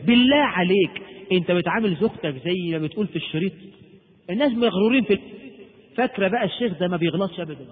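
A man with an Egyptian accent preaching a sermon, swinging from loud, impassioned emphasis to quiet asides. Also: high-pitched. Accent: Egyptian Arabic. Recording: phone-like lecture recording in a reverberant hall.

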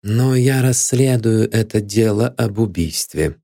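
A steady male detective who questions calmly and turns stern when needed, as the narrator reads him. His voice stays near the narrator's own and sounds level and deliberate. The recording is close and dry. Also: fairly low pitch, creaky, dry recording, heavily acted. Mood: measured. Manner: calm and measured.

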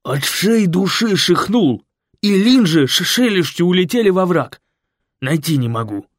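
A boisterous bearded biker, put on by a male narrator, bellowing in a raised, strained voice with a thick toothless lisp. He drags his words out slowly and shouts them. The dry, close sound adds no room around him. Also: sits high, very animated, no echo, voice pushed up, full character voice. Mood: gleeful. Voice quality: lisping, mushy toothless speech.

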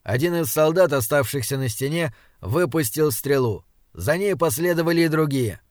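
A man reading a fantasy audiobook in a steady, dramatic narration on a close studio mic. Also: fairly high pitch, normal speed, no room sound. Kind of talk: scripted narration.

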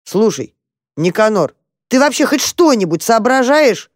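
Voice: medium pitch, normal speed, dry recording, clean studio sound, voice pushed up. A storyteller voicing an eager, bossy young male mouse who coaxes his little brother along. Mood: scolding. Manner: coaxing, excitable. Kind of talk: storybook character voice.

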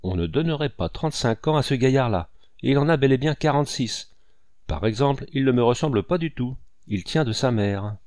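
A man's voice: medium pitch, lively intonation, a little fast, darkish tone, no echo, studio quality, natural voice. A man reading an audiobook and voicing an impulsive, effusive old colonel with emphatic exclamations.

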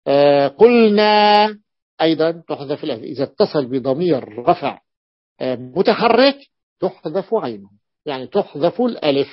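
Brief: male grammar teacher, fairly high voice, dry muffled lo-fi sound, patient and repetitive. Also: no room sound. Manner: repeats phrases, stresses examples. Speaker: sheikh teaching Arabic morphology. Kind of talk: classroom lesson explanation. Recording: muffled lo-fi recording.

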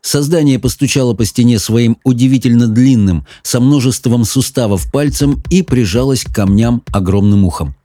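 A man reading a children's fantasy audiobook in measured, even storytelling narration. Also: mid-range voice, no echo, studio quality. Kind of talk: scripted narration.

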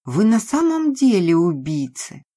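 A woman's voice: medium pitch, very animated, measured pace, dark tone, voice pushed up. A woman voicing a frightened but defiant young woman who answers firmly in an audiobook. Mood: tense defiant. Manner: trembling yet firm.

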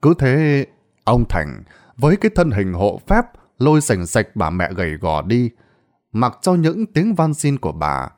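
A man's voice: medium pitch, very animated, measured pace, darkish tone. A man narrating a Vietnamese ghost story in a dramatic storytelling style.

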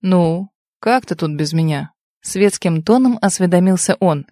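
A woman's voice: on the low side, lively intonation, measured pace, warm tone, dry recording, studio quality. A woman voicing a smug young man who talks down to others with sneering condescension in an audiobook. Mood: mocking. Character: smug mocking young man, old rival.

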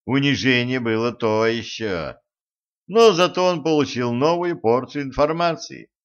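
A man narrating an audiobook in a calm, steady storytelling manner. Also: medium pitch, measured pace, clear, resonant tone, dull audio.

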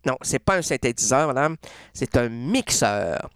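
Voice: mid-range voice, unhurried, smooth, dry recording, voice pushed down. A performer voicing a dry, pedantic male radio host in a comedic sketch. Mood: deadpan. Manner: deadpan, flat, nitpicking.

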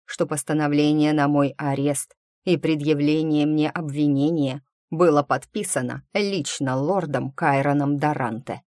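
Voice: medium pitch, no room sound, studio quality, lightly acted. Чтец изображает старого мага-наставника, сдержанного и немного насмешливого, в аудиокниге. Он размеренно и ровно рассказывает о случившемся. Голос звучит сухо и близко, почти без отзвука комнаты. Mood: grim, firm. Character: old male magic master, wry and guarded. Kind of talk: audiobook character reading.

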